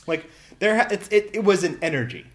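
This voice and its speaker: A man's voice: high-pitched, very animated, fairly quick. A man rambling casually about movies, with many fillers and swears. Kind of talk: casual chat.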